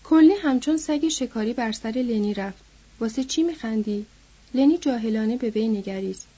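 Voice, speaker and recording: A woman reading a novel aloud in a steady storytelling manner, on a dull lo-fi recording. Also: fairly high pitch, breathy edge. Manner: steady storytelling, lifting her voice for quoted characters.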